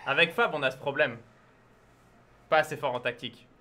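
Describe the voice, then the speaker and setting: Young guy cohosting chess show, bright sharp voice, relaxed banter, kinda teasing. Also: medium pitch, brisk, a little hiss or hum. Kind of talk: casual chat, interviewing and bantering.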